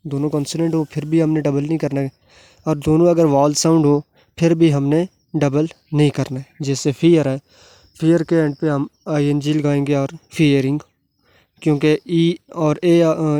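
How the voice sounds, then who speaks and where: A man teaching a spoken lesson, explaining rules slowly and deliberately, spelling out letters, with frequent hesitations. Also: on the high side, mellow, no echo. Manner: frequent hesitations and clears throat. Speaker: English teacher.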